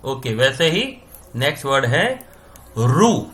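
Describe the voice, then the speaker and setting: A man teaching Sanskrit grammar in Hindi, saying each sound slowly, repeating it, and checking that his students follow. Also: mid-range voice, big pitch swings, a bit bright. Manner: repeats sounds slowly, checks understanding with "समझ में आ रहा है ना?". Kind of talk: classroom-style explanation.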